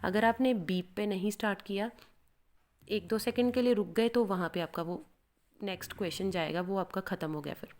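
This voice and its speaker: Woman, friendly exam coach, casual explainer who slows right down to model each sample sentence. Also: medium pitch, a little mellow. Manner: reads sample sentences aloud very slowly and deliberately; friendly, addresses learners as beta. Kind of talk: casual Hinglish teaching.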